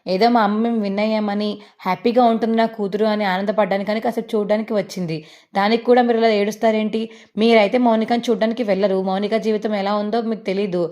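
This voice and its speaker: A woman's voice: medium pitch, fairly even intonation, fast talker, a little mellow, natural voice. A woman voicing a fiery young daughter-in-law who talks back angrily. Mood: angry. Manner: angry, reproachful.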